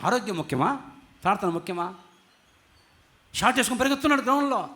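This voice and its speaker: High, bright-voiced male preacher. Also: animated. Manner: emphatic preaching with sudden loud peaks and acted asides; mixes in English phrases, drawn out slowly. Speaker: pastor. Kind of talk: sermon.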